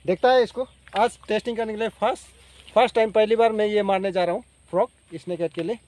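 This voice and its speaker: A young man narrates his fishing trip in a chatty, high voice, talking straight to his viewers. He is outdoors beside a rural pond and speaks into a handheld camera. His delivery is relaxed vlog chat. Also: fast. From Assam, India. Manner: chatty, addresses viewers directly. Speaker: fishing vlogger.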